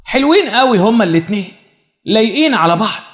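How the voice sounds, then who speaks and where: A man with an Egyptian accent narrating a first-person dramatic story in an expressive, animated way. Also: high voice, fast. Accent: Egyptian Arabic.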